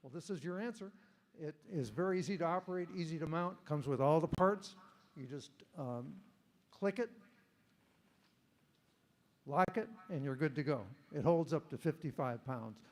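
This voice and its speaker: High-voiced man presenting auction items. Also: moderate pace, pauses often. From Washington state, US. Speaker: auctioneer contestant. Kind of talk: stage sales presentation.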